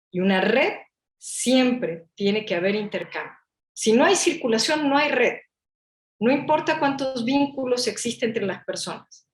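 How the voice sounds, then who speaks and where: A woman giving spoken academic feedback in a didactic way, with rhetorical questions and frequent short check-in tags. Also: fairly high pitch. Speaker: academic commentator. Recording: echoey, roomy sound.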